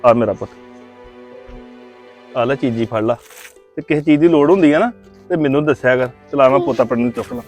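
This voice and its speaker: A man plays a stern old grandfather with a high-set voice, now snapping at his daughters, now gently coaxing the little one. Soft music plays behind him. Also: lively intonation, fast. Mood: tender coaxing. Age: older. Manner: scolds sharply, then coaxes the child tenderly. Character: stern but doting old village grandfather. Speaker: grandfather and father of the family. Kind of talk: family web drama acting.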